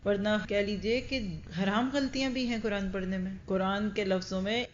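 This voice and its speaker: A woman's voice: mid-range voice, steady tone. An earnest woman preaches to a crowded hall and keeps putting questions straight to her listeners. The recording sounds dull and lo-fi, with a faint hiss underneath. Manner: earnest, direct, addresses the audience with questions. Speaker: Quran teacher. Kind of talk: religious lecture to a live audience. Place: large gathering hall.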